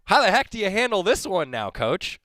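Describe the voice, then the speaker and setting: A man's voice: high voice, sing-song, fairly quick, pushed and bright, no echo. A man hosting a sports radio show in a studio, chatting casually with a rambling, joking manner. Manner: rambling, self-correcting, joking. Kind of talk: casual interview chat. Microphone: studio mic.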